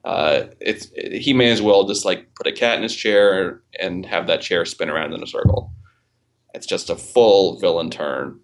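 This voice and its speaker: A man's voice: deep voice, moderate pace, gravelly. A man hosting a casual podcast chat, rambling with many fillers and restarts and swearing casually. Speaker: podcast host.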